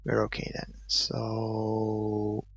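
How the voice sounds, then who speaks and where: A man's voice: completely flat delivery, extremely slow, vocal fry, breathy edge. A man with a Maltese accent giving unscripted gameplay commentary, hesitant and thinking aloud as he goes. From Malta. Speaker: gaming video creator. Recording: muffled, dull low-fidelity audio.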